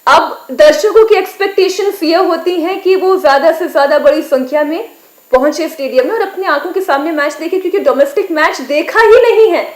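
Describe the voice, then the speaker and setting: A woman anchoring a news discussion, asking brisk, prompting questions of her colleague. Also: very high voice, roomy sound.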